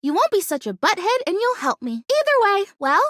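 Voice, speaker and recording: She's a bubbly little fake houseplant from a video game, with a very high, lively voice that jumps all over the place as she chatters emphatically and with big dramatic flair. Naive and stubbornly hopeful, she sounds stubborn and slightly hurt here, in animated, exaggerated character acting delivered a little fast. The recording is close and dry, with no room sound.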